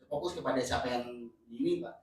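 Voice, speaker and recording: A man teaching a communication workshop, lively and joking, switching between casual slang and formal teaching. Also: mid-range voice, brisk. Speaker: communication trainer. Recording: echoey room, mic far off, faint noise.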